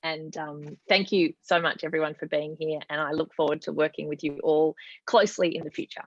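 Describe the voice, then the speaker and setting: Woman host, gravelly, earnest wrap-up, heard over a dull, dry call line. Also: sits low, steady tone, brisk, no room sound. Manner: earnest, rallying closing thanks with fillers. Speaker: host closing an online report launch.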